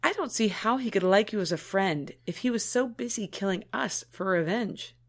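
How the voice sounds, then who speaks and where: A woman's voice: medium pitch, expressive. A woman voicing a prim, skeptical female alien shipmate with a disdainful manner in an audio drama. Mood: doubtful. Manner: disdainful, prudish, slow deliberate delivery.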